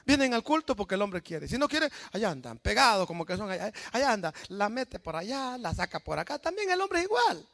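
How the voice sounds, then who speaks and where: A man preaching a lively sermon with a gravelly voice, swinging between loud exclamations and hushed storytelling. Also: high-pitched, fairly quick, hardly any pauses. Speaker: pastor.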